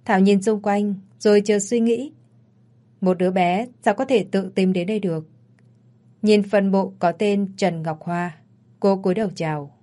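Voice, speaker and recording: A woman narrating a dramatic story in a steady storytelling voice. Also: mid-range voice, normal speed.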